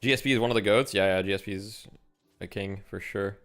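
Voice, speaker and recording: A man with a lowish voice, talking casually on a live stream as he answers viewer questions. His speech is rambling and easygoing, full of fillers and restarts, with faint music playing underneath. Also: quick pace, a bit bright. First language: French. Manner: laid-back and chatty, with many fillers and restarts.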